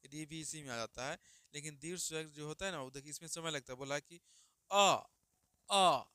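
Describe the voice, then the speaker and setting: A man's voice: fairly high pitch, brisk, pushed and bright, clear, resonant tone, no room sound. A man teaching grammar online, repeating each question and answer and calling students "babu.". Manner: calls listeners "babu" affectionately. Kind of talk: online exam-prep lesson.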